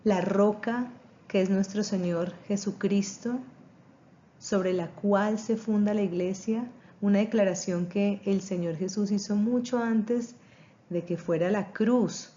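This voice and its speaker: A woman's voice: mid-range voice, fairly even intonation, takes it slowly, warm tone, muffled recording, a little hiss or hum. A woman teaching a seminary class on church history, speaking earnestly with a preaching tone. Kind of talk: recorded class introduction.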